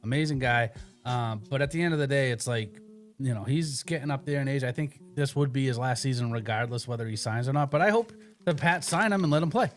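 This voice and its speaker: A man's voice: medium pitch, fairly quick, faint music behind. A man co-hosting a sports show with casual, slangy, agreeable banter.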